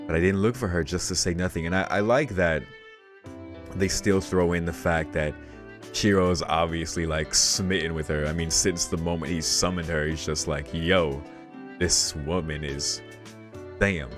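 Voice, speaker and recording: With the visual novel's soundtrack underneath, a man sitting low in pitch reads the game aloud as a let's play host, adding casual reactions. He keeps a steady tone at normal speed.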